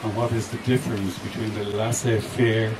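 A man's voice: fairly low pitch, flat delivery, moderate pace. A man giving an earnest, emphatic talk to a crowd outdoors on a walking tour. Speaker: tour speaker. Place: outdoors in a city street. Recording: distant outdoor recording with street noise.

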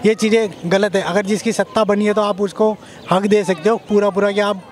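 Young man, high steady monotone, earnest street interviewee. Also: fairly quick. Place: outdoors at a busy monument plaza. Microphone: handheld mic held by interviewer.

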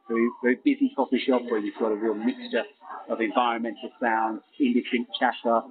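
A man's voice: mid-range voice, narrow, tinny audio. A man who reviews tech gear, talking casually and thinking aloud as he is heard through a bluetooth earbud mic on a call. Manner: chatty, thinking aloud, with small laughs. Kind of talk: casual product review talk. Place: busy coffee shop, indoors.

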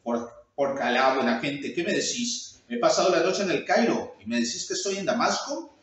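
A man's voice: fairly high pitch, very animated, moderate pace, a bit bright. Hassan, a man reading as a baffled young man. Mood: bewildered. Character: bewildered handsome young man, indignant. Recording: very echoey room, mic far off.

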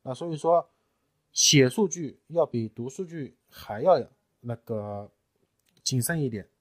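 A man in a technical tutorial, explaining each step patiently and often pausing with fillers. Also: medium pitch, animated, dry recording. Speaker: tutorial presenter. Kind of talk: screen-recorded technical tutorial.

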